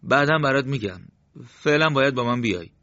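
A man's voice: mid-range voice, lively intonation, bright, forceful tone, no echo, highs cut off, pitched above the performer's own voice. A man voicing a young man who dodges questions and urges someone along in a storybook reading. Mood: evasive. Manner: evasive, urging. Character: young man, evasive and hurried brother.

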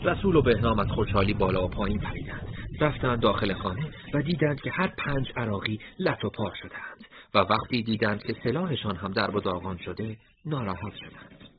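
Low-voiced man narrating a war story. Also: animated. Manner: dramatic storytelling with acted dialogue. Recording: dull lo-fi recording, faint noise.

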